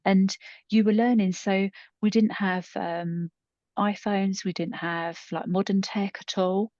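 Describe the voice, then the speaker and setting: With a medium pitch, fairly even intonation and a little mellowness, this woman talks a little slowly. She co-hosts a podcast and coaches, and in her fifties she tells rambling, self-deprecating stories casually, all in a muffled, echoing room recording.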